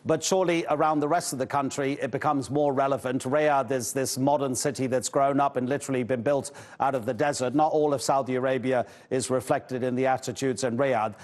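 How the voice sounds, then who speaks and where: A male news anchor speaks from a large television studio. He puts brisk, leading questions to a guest. His voice sits at an ordinary middle pitch. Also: steady tone, darkish tone.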